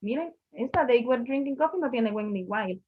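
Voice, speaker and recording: A woman's voice: on the high side, animated, moderate pace, breathy edge. A woman teaching an English grammar class, patiently explaining and repeating each point in a classroom. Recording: muffled lo-fi recording.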